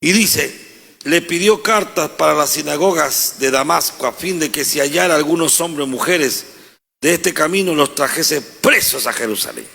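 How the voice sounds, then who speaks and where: A man, a pastor, preaching a sermon and reading scripture with sudden dramatic loud bursts. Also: a little high, normal speed, vocal fry, husky, big-room sound.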